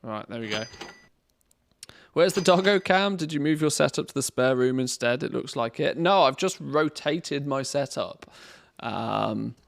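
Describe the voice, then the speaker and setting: Male game streamer, casual rambling delivery, gravelly fry, dry room sound. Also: mid-range voice, expressive, unhurried, no room sound. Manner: rambling, addresses viewers informally. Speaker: game streamer and video maker. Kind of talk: casual livestream chat. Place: indoor studio room padded with cushions against echo.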